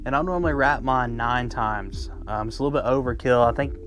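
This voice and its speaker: Give me a chatty man on a river boat, mid-pitched, walking viewers through a rig with lots of ums. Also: fairly quick, a bit bright, faint music behind. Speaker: fishing vlogger. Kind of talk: casual how-to talk. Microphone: first-person camera.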